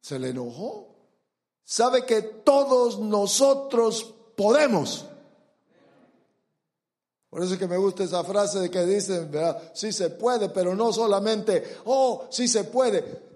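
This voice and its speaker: A man delivering a sermon in a very high voice, taking his time over each phrase. He preaches emphatically, firing rhetorical questions at the congregation and acting out the voices he quotes. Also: expressive, takes it slowly, long pauses, darkish tone.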